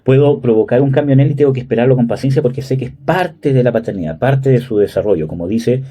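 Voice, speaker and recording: A man in his thirties preaching a sermon in a conversational way, often checking with listeners and pausing on fillers. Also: mid-range voice, warm tone, husky. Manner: conversational, frequent "¿cierto?" and "¿me entiende?" checks; hesitant fillers, "¿cómo se llama?". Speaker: pastor.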